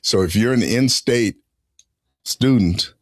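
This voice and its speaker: A middle-aged man hosting a podcast in a studio, talking in a relaxed, meandering way with pauses. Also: on the low side, no room sound. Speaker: podcast host. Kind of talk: casual podcast conversation.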